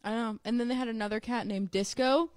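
A woman's voice: a little high, fairly even intonation, fast talker, a little mellow, no room sound. A young woman chatting casually and telling stories with lots of fillers. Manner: chatty storyteller, many fillers. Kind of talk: casual chat.

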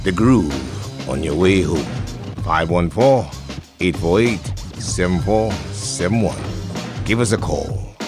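A man delivering a radio show promo in a drawn-out AM radio announcer manner over music. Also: low-pitched. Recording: loud music bed behind voice.

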